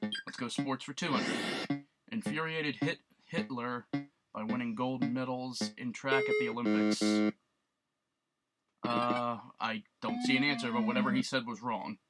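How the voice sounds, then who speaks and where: A man's voice: medium pitch, fairly even intonation, a little slow. A man casually commenting on a retro quiz game, reading the clues aloud and joking about his guesses. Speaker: let's play gamer. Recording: loud chiptune game music behind voice. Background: beeping retro game music.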